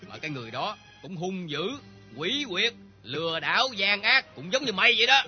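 Tough adult male drifter, sarcastic and taunting: high voice, lo-fi sound. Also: very animated, moderate pace, slightly rough, exaggerated voice. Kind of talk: radio drama acting. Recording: dull lo-fi recording with faint music.

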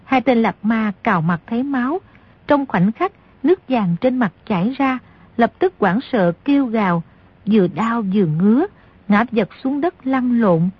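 A woman narrates an audiobook in a very husky, breathy voice that sits a little high. She reads with steady storytelling. The recording is dry and slightly lo-fi. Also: normal speed, dry recording. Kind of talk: scripted narration.

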